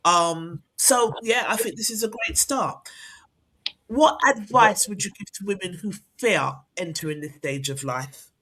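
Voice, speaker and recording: A woman hosting a casual live chat, telling stories in an animated, encouraging way. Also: medium pitch, a little slow. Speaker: host.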